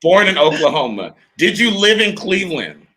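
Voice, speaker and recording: A man's voice: a little high, big pitch swings, normal speed, sharp tone. A man hosting a casual live-stream interview, hyped and repetitive, calling out to viewers as y'all. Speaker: host.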